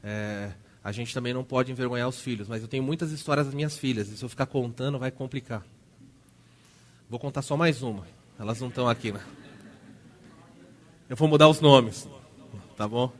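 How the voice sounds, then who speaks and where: A man in his thirties preaching a sermon as pastor, with a Brazilian Portuguese accent, who acts out family scenes and moves between loud and soft. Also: medium pitch, fairly quick, long pauses. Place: church.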